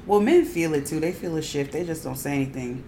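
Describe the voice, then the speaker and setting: A woman's voice: low voice, a little fast, dark tone, slight background noise. A woman co-hosting a casual podcast chat, making sarcastic quips and acting out quotes. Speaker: podcast co-host.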